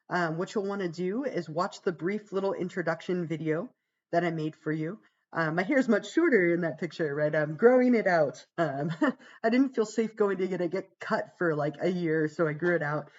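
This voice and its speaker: At a normal speed, an ill psychology instructor with a hoarse, gravelly voice lower than usual guides students through a course page in a casual livestream. She chats in a soothing way, filling gaps with "um" and "right?", and the audio is muffled.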